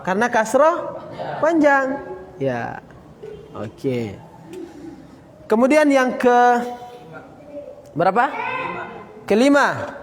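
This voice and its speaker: A man teaching a Quran recitation lesson, drilling students with repeated questions and slowly chanting example words. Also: very high-pitched, huge pitch swings, big-room sound. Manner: occasional coughs, casual. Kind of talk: classroom tajwid lesson.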